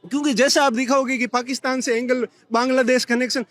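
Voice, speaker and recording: Heated high-voiced young man protester. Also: fairly even intonation, fairly bright tone, no room sound. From Bikaner, India. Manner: heated, fast, indignant pleading. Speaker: protester interviewed on the street. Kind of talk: street interview.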